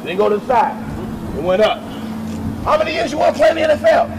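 A man's voice: extremely high pitch, sing-song, fast, creaky, a crowd in the background, background noise. A man coaching young football players on a field, barking drill commands and leading fired-up call-and-response chants. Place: outdoor football practice field. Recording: outdoor field, loud music and shouting kids.

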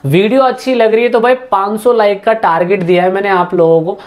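A woman's voice: medium pitch, steady tone, brisk, darkish tone. A woman teaching a history lesson online in a casual, chatty way, repeating key points and talking straight to her students, mixing in English words. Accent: Hindi-English mix.

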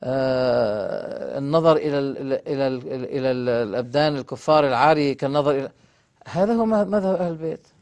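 A man with a Levantine accent giving a religious lecture, posing rhetorical questions and slowing down to read quoted passages aloud. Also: mid-range voice, darkish tone. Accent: Levantine Arabic. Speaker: religious scholar presenting a program.

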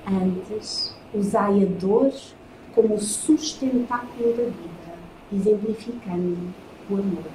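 A woman with a European Portuguese accent giving a spiritist lecture, reading from slides in slow, measured phrases with solemn pauses. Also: medium pitch. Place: lecture room in front of a projected slide. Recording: echoey room, faint noise.

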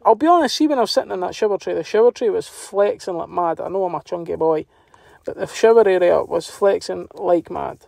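A Scottish man with a noticeably high voice for a male speaker narrates as a working plumber. He talks informally and colloquially, with a self-deprecating streak, as if explaining a job to viewers. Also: brisk, gravelly, darkish tone, dry recording. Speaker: plumber and video host.

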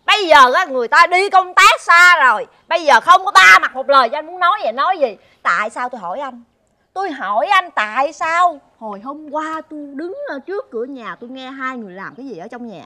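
A woman's voice: high voice, lively intonation, fairly quick, pushed and bright, exaggerated voice. A woman playing a bossy, accusing women's group assistant in a stage comedy sketch.

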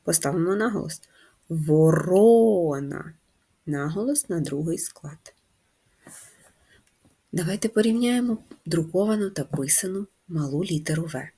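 Patient husky woman teaching first graders. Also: on the low side, expressive, warm tone. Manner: slow, patient, guiding children step by step. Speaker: primary school teacher. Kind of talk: handwriting lesson for first graders.

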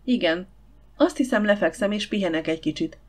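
A woman's voice: mid-range voice, close to an everyday voice. A woman voicing a reserved, flustered young lady in an audiobook, speaking hesitantly. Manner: hesitant and reluctant.

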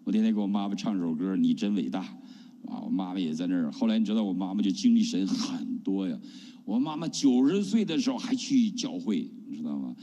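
Man, middle-aged, from China, pastor, testimony sermon, rhetorical questions, mellow tone, long church reverb. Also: low voice, a little fast. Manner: animated preaching with rhetorical questions.

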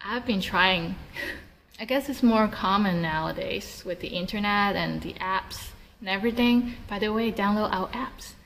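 A woman's voice: mid-range voice, moderate pace, fairly bright tone, slight background noise, low-quality recording. A woman in her thirties with a Hong Kong Cantonese accent, teaching phrases in a casual lesson with chatty explanatory asides. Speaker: language teacher and host. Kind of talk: casual language lesson with example phrases and commentary.

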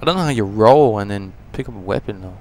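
A man giving casual, profane commentary while playing a video game, joking and talking back to enemies, moving between low mumbles and loud outbursts. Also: lively intonation, fast, a little hiss or hum. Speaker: gamer doing a walkthrough.

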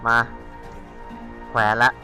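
A man playing a horror game and commenting as he goes, chatty and excitable, teasing the players he hunts. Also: drawn-out words, no room sound, soft background music. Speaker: gamer. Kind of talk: let's-play commentary.

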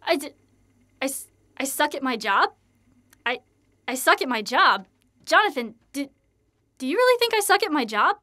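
A woman's voice: high-pitched, lively intonation, unhurried, pauses often, bright, forceful tone, heavily acted. A woman playing an eager young male demon. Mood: flustered.

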